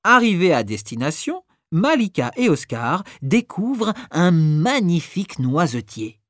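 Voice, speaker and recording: A woman narrating a children's story with a lively, expressive delivery. Her voice sits a little low and moves widely in pitch. Close, dry recording. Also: measured pace, no echo. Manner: expressive, acts out each character.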